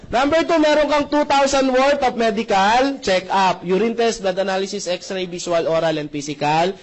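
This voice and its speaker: A man's voice: high-pitched, moderate pace. A man presenting a marketing plan at a seminar, joking with the crowd, speaking politely and often checking that listeners agree. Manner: joking, keeps asking the audience "tama ba?"; polite, addresses the crowd with "po" and "mga brother, mga sister". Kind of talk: lively seminar presentation mixing Tagalog and English.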